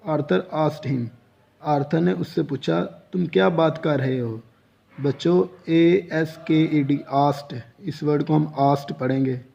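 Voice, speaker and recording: A man with a Pakistani accent, teaching an English short story. He reads each phrase slowly, then explains it in Urdu with synonyms and tips on how to say it. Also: fairly high pitch, gravelly, warm tone. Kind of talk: lecture reading and translating a story line by line. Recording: dull lo-fi lecture recording.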